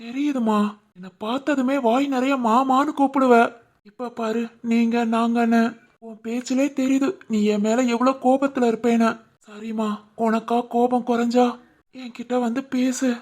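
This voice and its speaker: A remorseful middle-aged uncle from an animated family story, voiced by a woman. He speaks with a Tirunelveli Tamil accent and pleads gently for forgiveness. The voice sits rather high for a man. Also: normal speed, natural voice. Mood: pleading.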